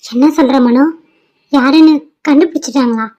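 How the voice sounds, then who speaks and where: A woman's voice: high-pitched, normal speed, dark tone, close to an everyday voice. A woman voicing a bold, scheming young office worker in a cartoon, speaking defiantly and dismissively. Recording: dull lo-fi cartoon audio.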